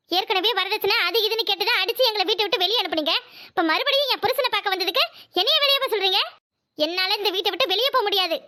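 A young cartoon wife, voiced by a woman, pleads and argues in a high, bright, fast voice. She is stubborn and insistent, and she refuses to be sent away.

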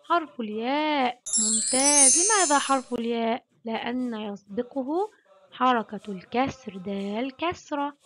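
A woman with a high-pitched voice leads a phonics lesson for young children. She draws each sound out slowly and praises her class often. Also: soft background music. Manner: slow, drawn-out syllable sounding with warm praise. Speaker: kindergarten Arabic teacher.

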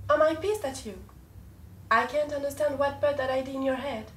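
Fairly quick and fairly bright, her high-pitched voice plays a prim, injured woman addressing her boyfriend with icy, sarcastic politeness in a naturalistic film scene. Passive-aggressive self-pity colors the delivery. It's set in a home's living room, with roomy echo and a faint hum.

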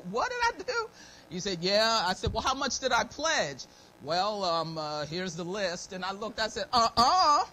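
Giving thanks repeatedly in a devout, folksy manner, a middle-aged American woman serving as church elder delivers an informal sermon blending testimony and prayer. Her medium-pitched voice has a fairly bright tone and a slightly scratchy, dry throat. She is at a pulpit in a church meeting room, recorded on a noisy live church stream.

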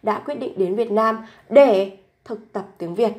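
A young adult woman gives a patient language lesson. She explains grammar points step by step and repeats each example sentence slowly so learners can follow. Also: mid-range voice, darkish tone. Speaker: Korean language teacher.

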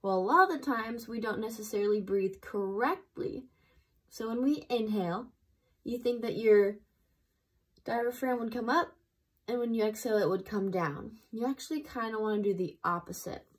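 A woman teaching an intro breathwork lesson, explaining slowly and gently and guiding the listener through breaths. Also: on the high side, slightly rough, low-quality recording. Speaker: breathwork instructor.

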